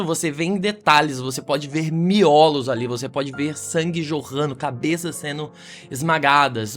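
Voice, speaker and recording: Man, Brazilian accent, musing monologue, trailing low endings, voice a touch high, soft music behind. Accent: Brazilian Portuguese. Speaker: podcast host. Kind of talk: reflective monologue.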